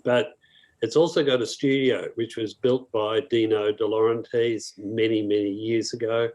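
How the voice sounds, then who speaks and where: An older Australian man, a podcast guest, talking in a relaxed, informative way. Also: fairly low pitch, moderate pace. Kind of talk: casual interview talk.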